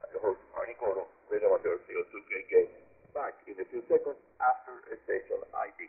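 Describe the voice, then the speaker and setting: A radio host from Cuba, a native Spanish speaker with a Cuban accent, presents a scripted program in a deliberate, formal announcer style with emphatic phrasing. His lowish voice is creaky, and it comes through narrow, muffled shortwave reception on a radio.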